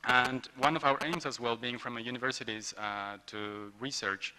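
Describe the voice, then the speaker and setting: A Mexican industrial designer in his forties gives a hesitant panel presentation at a roundtable in a large hotel ballroom, full of ums and restarts. His mid-range voice is bright and forceful, steady in tone and normal in speed. A gooseneck mic on the table picks up long hall reverb.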